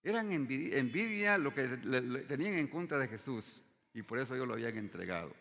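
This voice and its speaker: A man preaching a sermon, often addressing the congregation as brothers and dropping his voice low at the end of phrases. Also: animated, fairly quick, fairly bright tone. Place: church hall. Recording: long hall reverb.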